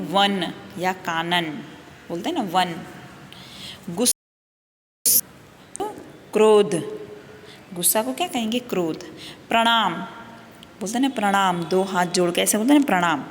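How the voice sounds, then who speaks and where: Slow, patient woman teaching kids. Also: medium pitch, animated, long reverb tail, a little hiss or hum. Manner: patient, explains slowly with questions and answers; often adds "okay" and "na" to check understanding. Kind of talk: worksheet lesson for young children.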